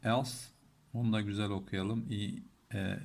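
A man with a Turkish accent teaching Quran recitation rules in a patient lesson. He chants verses slowly and breaks words apart to explain them. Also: fairly low pitch, little pitch movement, vocal fry.

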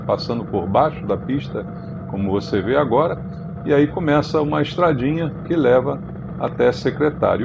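A man with a Brazilian Portuguese accent, casually narrating his motorcycle ride and lunch stop, with a relaxed, chatty manner and a frequent "né". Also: fairly low pitch, vocal fry, dull audio, noisy background. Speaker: motorcycle travel vlogger.

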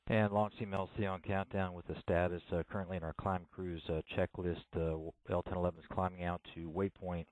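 A man giving halting, matter-of-fact procedural status calls as a launch conductor over a comms loop. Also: low voice, flat delivery, darkish tone, poor audio.

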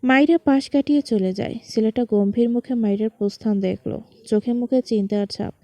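A woman's voice: fairly high pitch, moderate pace, mellow, dry recording. A woman narrating a romantic story, reading every part in her own voice with little change.

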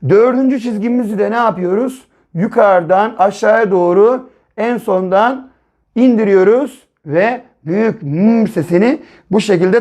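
A man's voice: high-pitched, darkish tone. Patient male teacher sounding out syllables. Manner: slow, patient step-by-step explaining with repeated syllables and "değil mi?" checks. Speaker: primary school teacher. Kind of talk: early reading and writing lesson for children.

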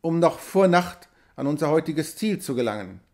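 A man voicing a small, plucky frontiersman in a brisk, matter-of-fact way. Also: a little high, expressive, darkish tone.

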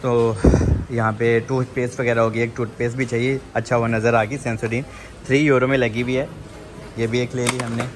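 A vlogger with a medium-pitched voice and flat delivery speaks at a moderate pace, filming himself on a handheld phone as he tours a large supermarket inside a shopping mall. Chatty and casual, he calls his viewers "janab" and frequently says "theek hai" while the store hums noisily behind him.

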